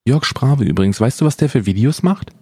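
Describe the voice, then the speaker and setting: A man's voice: medium pitch, lively intonation, darkish tone, husky, no room sound, clean studio sound. A man co-hosting a podcast, chatting casually in a joking, rambling way. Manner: joking, rambling, quick to exaggerate. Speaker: podcast co-host. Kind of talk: casual chat.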